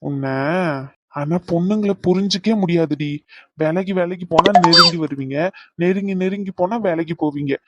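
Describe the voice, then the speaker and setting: A woman's voice: lowish voice, moderate pace, dull audio, close to an everyday voice. A woman voicing a young man in an audio drama romance, teasing and coaxing his girlfriend. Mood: affectionate teasing.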